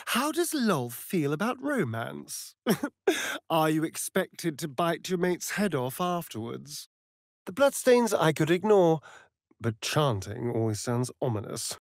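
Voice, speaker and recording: Astarion, a drawling, theatrical vampire rogue. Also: male voice, on the high side, darkish tone, no echo, clean studio sound, exaggerated voice. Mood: wry, amused. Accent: English. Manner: theatrical, arch, drawling, sardonic. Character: vain, flamboyant, sardonic aristocratic male vampire rogue. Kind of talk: theatrical video game character acting.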